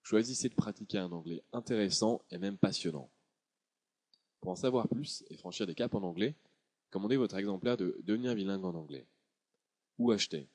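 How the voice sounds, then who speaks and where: A man reading a scripted promotional voice-over about his own book, in a steady, measured delivery. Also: on the low side. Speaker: author presenting his book.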